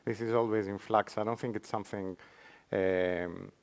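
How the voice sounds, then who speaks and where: A man's voice: fairly low pitch, steady tone, moderate pace, vocal fry. A man with a Spanish accent speaking on a conference panel, lecturing with frequent fillers and restarts. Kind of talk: academic panel talk. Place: conference hall.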